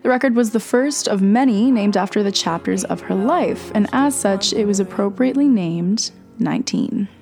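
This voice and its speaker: A woman's voice: mid-range voice, moderate pace. A young woman hosting a radio music show with scripted commentary, sounding congested with a sore throat and a stuffy nose.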